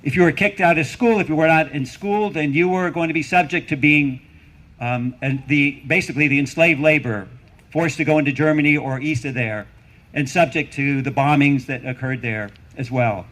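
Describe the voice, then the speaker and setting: Man giving an emphatic rally speech, higher-pitched voice. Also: fairly bright tone. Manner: emphatic, deliberate, with repeated phrases and rhetorical questions. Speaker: university professor speaking at a rally.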